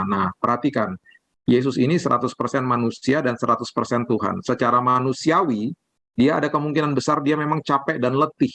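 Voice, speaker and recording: A man, a pastor, preaching a sermon in colloquial, lively storytelling style. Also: medium pitch, no echo. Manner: colloquial, animated storytelling, acts out quotes.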